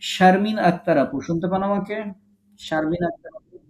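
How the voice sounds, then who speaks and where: A man's voice: high voice, fairly even intonation, normal speed, a little mellow, echoey room. A man teaching a recitation class online, patiently correcting students and modeling short vowel sounds for them to repeat. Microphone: online video call.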